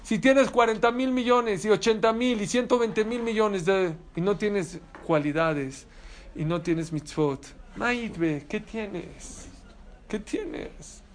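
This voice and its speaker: Rabbi preaching, high voice for a man, lively, keeps quizzing the room. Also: unhurried. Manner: animated, emphatic, asks the audience questions. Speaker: rabbi teaching a Torah class. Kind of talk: sermon.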